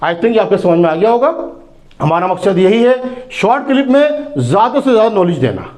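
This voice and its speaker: A man teaching English phonics, sounding out words slowly, repeating them and asking rhetorical questions. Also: sits high, big pitch swings, darkish tone. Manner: drawn-out sounding of words, repeating each word. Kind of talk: phonics lesson.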